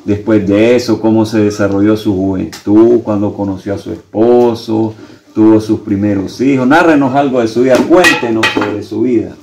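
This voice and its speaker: A man's voice: fairly low pitch, steady tone, normal speed, a little mellow, reverberant, a little hiss or hum. A middle-aged man conducting an informal interview, feeling his way through questions and rephrasing them. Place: small brick room at home.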